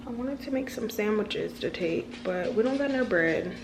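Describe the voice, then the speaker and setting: A woman's voice: medium pitch, expressive, normal speed, creaky, noisy background. A young American woman chatting informally to the camera, using slang and repeating phrases for emphasis. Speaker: vlogger. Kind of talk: casual chat to the camera.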